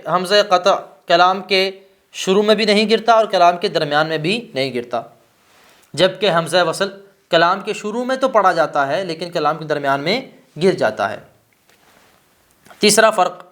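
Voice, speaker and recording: Male teacher, higher voice, patient classroom delivery, answers his own questions and slows to sound out examples. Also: fairly bright tone. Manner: asks rhetorical questions and answers them himself; slows down to spell out example words. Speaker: teacher of Arabic grammar. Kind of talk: classroom grammar lesson.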